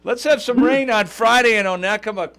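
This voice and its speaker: A man's voice: sits high, brisk, bright, forceful tone. A man co-hosting a sports radio show, joking and wry. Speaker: radio co-host. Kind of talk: casual sports radio chat.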